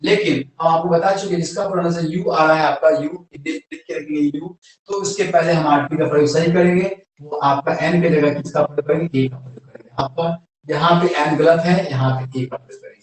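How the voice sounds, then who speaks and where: A man's voice: on the high side, fairly even intonation, fairly quick. A man with an Indian accent, an English teacher, giving a classroom grammar lesson and answering his own questions. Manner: asks questions and answers them himself. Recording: very echoey room, voice from far off.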